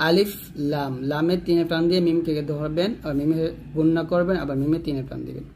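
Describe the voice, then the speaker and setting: A man's voice: a little high, fairly even intonation, mellow, a little hiss or hum. Chanting Bangladeshi male recitation teacher. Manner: chants phrases slowly, then explains in quick asides. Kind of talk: slow, drawn-out recitation lesson.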